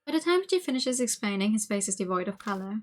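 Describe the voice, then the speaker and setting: A playful, expressive woman game streamer reading a visual novel aloud, with casual asides to chat. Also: mid-range voice, fast.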